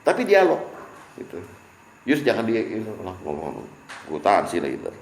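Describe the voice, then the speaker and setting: A man's voice: deep voice, huge pitch swings, normal speed, gravelly, slight background noise. A man leading an informal religious study session. He jokes and keeps asking his audience questions. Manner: jokey, asks the audience questions. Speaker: preacher. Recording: echoey room.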